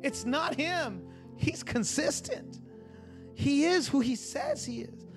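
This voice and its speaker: High-voiced preaching man in his forties. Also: lively intonation, slow, faint music behind. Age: 40s. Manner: builds to near-shouting, repetitive preaching cadence. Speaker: pastor. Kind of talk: sermon.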